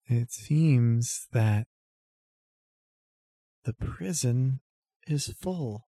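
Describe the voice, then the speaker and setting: Figure: a man voicing a dreamy, distant female android. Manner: slow, faraway. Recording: dry. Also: medium pitch, dark tone, no echo. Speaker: game master. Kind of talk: tabletop game narration.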